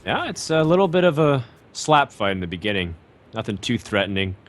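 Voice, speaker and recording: A man's voice: medium pitch, big pitch swings, fairly quick. A man giving live card game commentary, thoughtful and analytical, with frequent ums and likes. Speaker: esports commentator.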